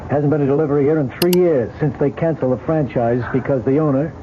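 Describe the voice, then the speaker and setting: An actor playing a skeptical, matter-of-fact police lieutenant, blunt and firm, in old-time radio mystery style. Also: male voice, fairly high pitch, quick pace, close to an everyday voice. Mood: firm, reasoning. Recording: noisy, tinny old radio broadcast.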